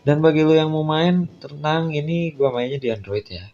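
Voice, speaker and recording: A gaming content creator with an Indonesian accent reads visual novel text in a casual let's play, reacting to it with spontaneous, colloquial comments. His voice is a little high and darkish, animated, at a moderate pace. Faint game music sits behind dull, lo-fi audio with a little hiss or hum.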